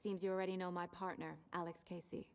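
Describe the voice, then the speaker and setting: A woman's voice: lowish voice, little pitch movement, quick pace, close to an everyday voice. A woman playing a composed, direct federal agent in charge, in scripted video game dialogue. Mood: businesslike. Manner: businesslike, direct.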